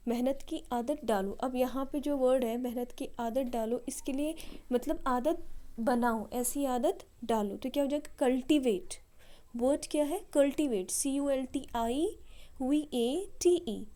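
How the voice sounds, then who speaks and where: Indian woman teaching slow English phrases. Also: sits high, dark tone. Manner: slow, deliberate English example sentences between quick explanations. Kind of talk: bilingual language lesson.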